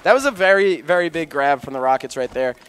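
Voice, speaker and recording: A man giving excitable live esports commentary, full of fillers. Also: a little high, fast, clear, resonant tone, faint music behind.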